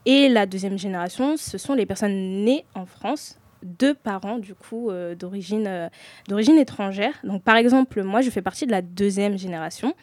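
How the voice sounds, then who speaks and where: A young woman guides a casual group discussion at a hesitant, stop-start pace. Her voice sits at an ordinary middle pitch. The sound is dry and close. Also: normal speed, darkish tone, dry recording. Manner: hesitant, many fillers. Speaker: discussion leader.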